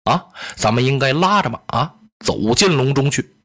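A polite, gentle lord speaks in a low, hushed and measured voice, far deeper and quieter than the storyteller's own. A man plays him in Chinese oral storytelling. He stays courteous and calm with a faint huskiness. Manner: polite, calm, soft-spoken. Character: courteous gentle eldest-brother lord, male adult.

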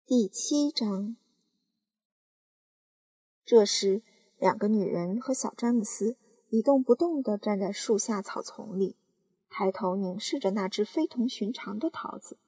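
Husky woman reading a storybook. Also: mid-range voice, lively intonation, measured pace, mellow. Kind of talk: reading a children's book aloud.

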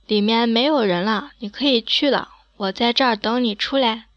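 A woman's voice: fairly high pitch, normal speed, a bit bright, no room sound, dull audio, lightly acted. A woman voicing a caring schoolgirl friend who gets annoyed easily and speaks in a plain way. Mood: friendly. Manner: plain, slightly peeved.

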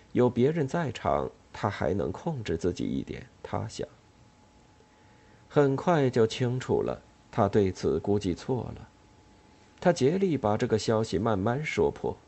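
A man's voice: fairly low pitch, a little slow, vocal fry, husky. A man narrating a novel as an audiobook, telling it expressively. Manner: expressive, animated storytelling.

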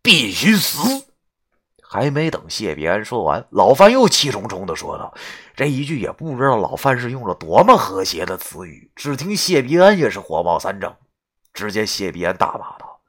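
A man narrating a story in an animated, wry way, with crude asides. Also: lowish voice, normal speed.

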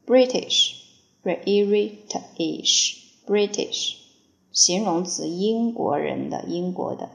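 A woman's voice: on the low side, creaky, echoey room. A woman teaching vocabulary, spelling each word letter by letter, repeating it, then giving its part of speech and meaning. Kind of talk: slow word-by-word vocabulary drill.

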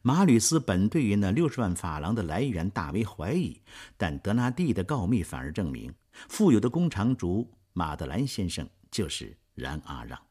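A man narrating a story in a slow, expressive, dramatic reading. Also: deep voice, husky.

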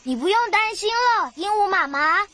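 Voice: very high voice, lively intonation, moderate pace. A performer playing an eager, upbeat young boy animal rescuer in a children's cartoon, encouraging viewers and mixing in English words. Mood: reassuring, helpful. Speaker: host guiding child viewers. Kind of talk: animated children's show dialogue, addressing viewers.

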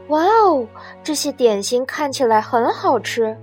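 A woman voicing a curious young hen girl in a children's story, high and eager. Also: measured pace, a little mellow, faint music behind. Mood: delighted.

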